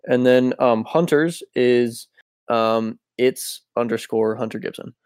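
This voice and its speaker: A tired young man co-hosting a casual podcast over a voice call, speaking low-key with many filler ums. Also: takes it slowly, a little mellow, clean tone, no echo, studio quality. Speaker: podcast co-host. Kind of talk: casual chat. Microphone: Discord voice call.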